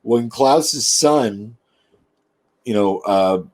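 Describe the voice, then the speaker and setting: A man's voice: fairly low pitch, extremely slow, a little mellow. A man co-hosting a film podcast in casual chat, rambling with lots of fillers and restarts and casual swearing.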